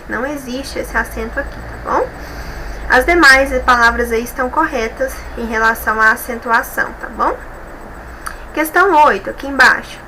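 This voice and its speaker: A Brazilian Portuguese woman teacher working through exercises with a patient, step-by-step manner, often pausing to check her students follow. Her voice is bright and somewhat high-pitched. A faint hiss of noise sits under the recording. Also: poor audio. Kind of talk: classroom lesson correcting exercises.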